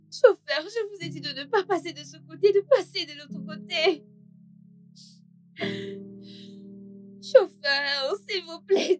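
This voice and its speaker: A woman's voice: very high-pitched, heavily acted. A woman dubbing in French as a desperate young woman who pleads tearfully with her boyfriend. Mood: frantic. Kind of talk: French film dub.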